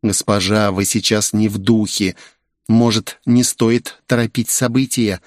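A man's voice: on the low side, fairly even intonation, a little slow, no echo, studio quality, natural voice. A man voicing a loyal, anxious young maid in an audiobook, speaking in a worried, earnest way.

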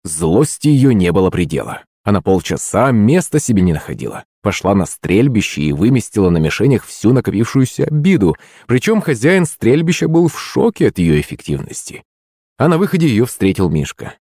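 A man with a fairly low voice narrates an audiobook in the first person. He reads at a steady, even pace. The sound is close and dry, with no room reverb. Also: brisk, husky.

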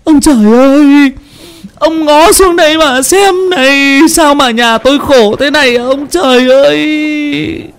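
A man voicing a frightened old mother who cries out in shrill, panicked pleading. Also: takes it slowly, heavily acted. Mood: panicked wailing.

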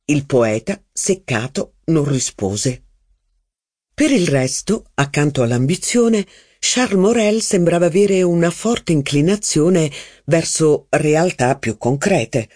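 Narrator for a literary audiobook: animated, varied intonation, dry close studio sound. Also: medium pitch, no echo. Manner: expressive, measured reading with lively phrasing.

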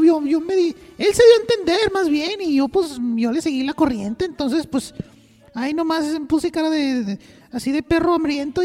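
A woman's voice: very high voice, darkish tone. A woman with a Mexican accent telling a crude, profane comic story on the radio, rambling and full of slang. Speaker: on-air storyteller. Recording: reverberant studio with faint music.

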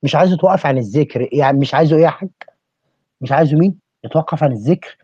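Fast, husky Egyptian man preaching. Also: fairly high pitch, dark tone, no room sound. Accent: Egyptian Arabic. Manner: preachy, fires rhetorical questions. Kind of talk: impassioned podcast discussion. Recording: dull lo-fi recording.

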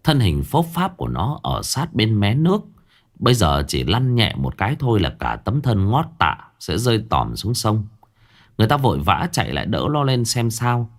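A man's voice: lowish voice, sing-song, normal speed. A man narrating a scripted ghost story in a dramatic, storytelling manner.

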